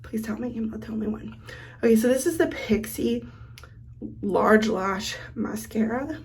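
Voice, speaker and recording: She's a beauty vlogger, sick and losing her voice, talking casually as she puts on makeup for a get-ready-with-me video. Her pitch is fairly high and her pace a bit slow, and she chats and thinks aloud while she works.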